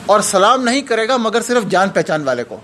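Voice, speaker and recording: Man, high-pitched voice, religious lecturer, earnest, rhetorical questions, anecdotes, faint hum behind. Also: big pitch swings, fairly bright tone. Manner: frequent restarts and pious interjections. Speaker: Islamic lecturer.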